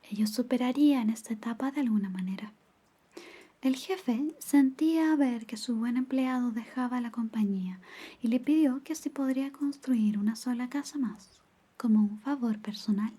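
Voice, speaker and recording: Woman acting breathy girlfriend in ASMR role-play. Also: fairly high pitch. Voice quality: breathy, soft-spoken. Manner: soft, intimate, slow storytelling. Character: caring, teasing girlfriend reading bedtime stories.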